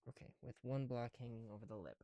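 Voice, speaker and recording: An ASMR video creator mutters to themselves while working with their hands, rambling informally and swearing often. The voice is medium-pitched, fast and warm, and the recording is dry.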